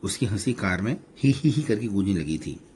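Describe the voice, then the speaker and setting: Male storyteller, low voice, steady plain narration, faint noise behind. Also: brisk.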